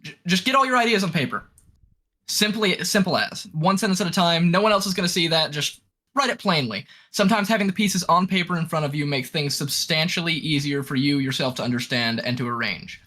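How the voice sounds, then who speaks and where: Bright, emphatic man giving advice. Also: on the high side, fairly quick. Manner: emphatic, instructive, blunt. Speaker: writing advice speaker. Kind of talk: casual explanatory talk.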